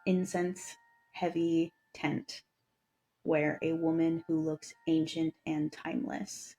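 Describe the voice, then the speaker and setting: A woman with a lowish voice narrates a tabletop adventure as dungeon master. She lingers over the scenery in an unhurried, descriptive way. Faint music plays underneath. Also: level tone, mellow.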